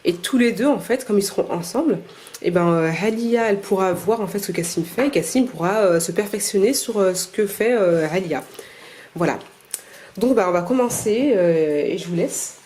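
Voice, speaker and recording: Woman, mother, home lesson, patient, gentle, halting, mid-pitched. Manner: patient, gentle teaching, slow explanations; hesitant, halting speech to camera. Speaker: mother homeschooling her children. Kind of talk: casual home-schooling vlog and lesson.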